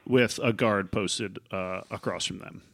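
Over some background noise, a man with a lowish, fairly even voice improvises narration as the game master of a tabletop role-playing game. He halts often, searching for his words as he describes the scenes.

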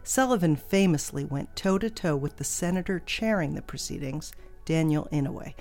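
Female podcast host, medium pitch, scripted documentary narration with faint music underneath. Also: lively intonation, normal speed, a little mellow.

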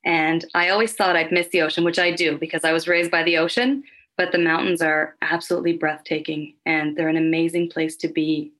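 A woman from Nova Scotia, a hypnotherapist guest on a podcast, explaining her work in a calm, earnest way. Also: deep voice, a little fast, rough recording. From Halifax, Nova Scotia, Canada. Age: adult with children. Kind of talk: podcast interview.

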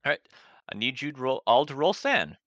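A man's voice: mid-range voice, sing-song, fairly quick, a bit bright, no room sound. A man narrating a tabletop horror game as game master, in a casual, rambling way, in a dull lo-fi recording.

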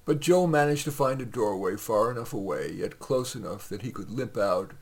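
A man's voice: fairly low pitch, expressive, moderate pace, gravelly, breathy edge. A man reading his own short stories aloud on a podcast, in a conversational way with occasional fillers.

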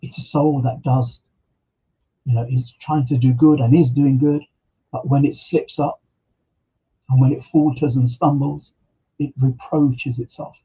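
Dark, husky man giving a religious talk. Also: mid-range voice, steady tone, a little slow, long pauses, highs cut off. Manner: reflective, rhetorical questions, quotes Arabic scripture. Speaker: Islamic teacher. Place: podcast studio.

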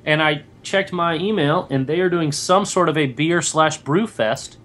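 A man's voice: a little high, a little slow, a bit bright. A young man co-hosting a casual chat, talking in a rambling way with lots of fillers and restarts. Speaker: podcast co-host.

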